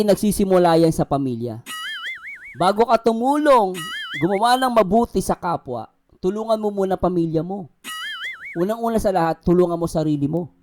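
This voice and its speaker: Vlogger host doing mocking gossip commentary over soft guitar music. Scolds, laughs at their own jabs. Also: medium pitch.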